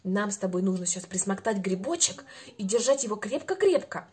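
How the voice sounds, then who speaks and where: A woman in her twenties over-enunciating in an animated, sing-song, encouraging way as she leads a playful speech lesson for a small child. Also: mid-range voice, fairly quick, slightly rough. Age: 20s.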